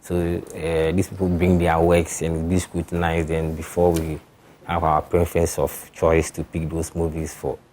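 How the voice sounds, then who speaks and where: Low, flat-toned man. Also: a little slow, slight background noise. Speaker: festival spokesman. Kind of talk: interview answers.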